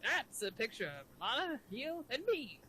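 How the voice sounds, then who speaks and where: A gruff police chief with a gravelly sea-captain growl, as a woman puts him on. The voice sits high and swings widely. Steady noise hums under the recording. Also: normal speed. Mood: jovial. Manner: gravelly Mister Krabs impression. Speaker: let's play co-host.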